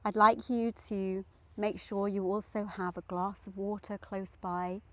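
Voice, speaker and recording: This woman's guided meditation is gentle and calming, her medium-pitched voice flat as she offers short, careful phrases with long pauses in between.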